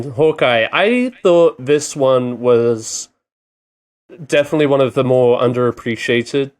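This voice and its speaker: A man co-hosting a podcast in casual chat, talking in a rambling, halting way with many fillers. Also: mid-range voice. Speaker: podcast co-host.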